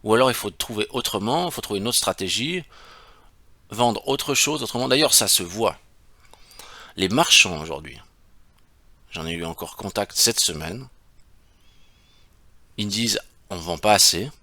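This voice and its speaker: Guy doing a screen tutorial, low-ish voice, super dry close sound, keeps throwing questions at you. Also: animated, moderate pace, pauses often, bright, forceful tone, no echo. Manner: conversational, emphatic explaining with rhetorical questions. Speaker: e-commerce consultant.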